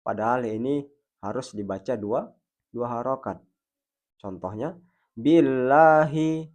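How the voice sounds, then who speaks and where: A man teaching Quran pronunciation, explaining each sound slowly and demonstrating it by drawing it out. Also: fairly low pitch, a little mellow. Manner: slow, deliberate explaining with drawn-out demonstration sounds. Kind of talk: tajwid pronunciation lesson.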